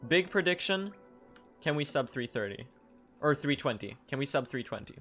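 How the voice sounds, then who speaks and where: A young man streaming a speedrun, talking to his chat in an excitable, pleading way. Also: medium pitch, brisk, soft background music. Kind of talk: live-streamed game commentary.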